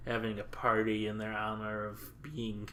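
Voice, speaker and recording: A man casually chatting on a podcast as co-host, halting with lots of filler pauses and dry, crude jokes. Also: fairly low pitch, completely flat delivery, sharp tone, a little hiss or hum.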